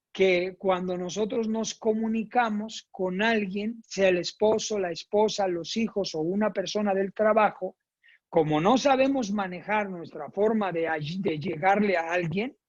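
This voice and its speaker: A woman teaches a psychoeducational course in a mid-pitched voice. She stresses her points, stacks repeated phrases and keeps asking her listeners if they follow. The recording sounds muffled and lo-fi. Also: darkish tone, slightly rough. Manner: emphatic, repeats phrases in lists, checks in with "¿verdad?". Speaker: course instructor. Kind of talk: psychoeducational lecture. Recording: dull lo-fi recording.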